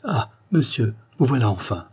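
A man's voice: medium pitch, normal speed, dark tone, slightly rough, pitched above the performer's own voice, natural voice. A man reading a novel aloud, voicing a distressed young woman who pleads earnestly for her brother. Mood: anxious pleading.

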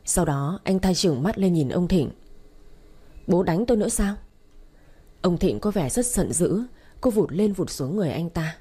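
Husky dark-voiced woman narrating. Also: lowish voice, animated, moderate pace. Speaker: story narrator. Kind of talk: scripted narration of a melodrama.

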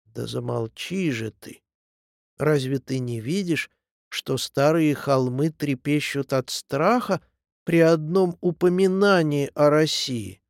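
A man voicing a nervous old male hill in a storybook, hushed and pleading as he scolds his own echo. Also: on the high side, slow, creaky, studio quality. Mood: hushing.

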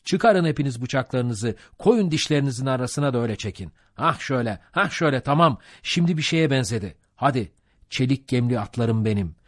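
A man's voice: medium pitch, expressive, a little fast, no echo, studio quality, voice pushed up, close to an everyday voice. A man voicing a jovial boat mate who coaxes and preaches at his rowers to pull harder. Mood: rousing. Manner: coaxing, preachy, rousing.

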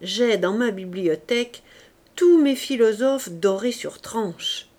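A woman's voice: fairly high pitch, expressive, slow, a little mellow. Boisterous old senator, mocking and self-satisfied, put on by a woman narrator in a storybook reading. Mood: jovial mocking. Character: jovial worldly old male senator, mocking.

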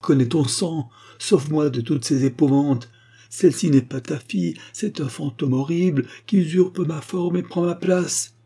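A man's voice: a little high, moderate pace, mellow, slightly rough, voice pushed up. A man reading aloud, voicing a desperate young princess who pleads in a raised, urgent voice. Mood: frantic.

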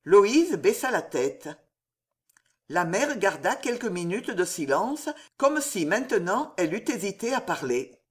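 Slow, expressive female audiobook narrator. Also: medium pitch. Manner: expressive, dramatic reading. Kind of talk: scripted narration.

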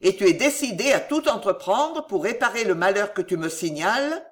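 A reader voicing a stern, calm nobleman. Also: medium pitch, normal speed, lightly acted. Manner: calm and severe.

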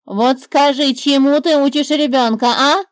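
A bossy, grumbling motherly bird, played by a woman storyteller. She talks high and loud, firing off exclamations. The sound is dry and close. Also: steady tone, a little slow, no room sound. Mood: indignant bossy.

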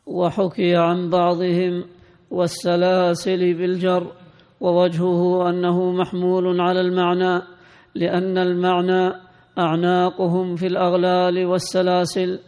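Man reciting a text, high and monotone. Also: normal speed, clean tone, in a large hall, dull audio. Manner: recites in a steady, lilting reading tone. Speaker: student reading the text aloud. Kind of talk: chanted reading of a classical text.

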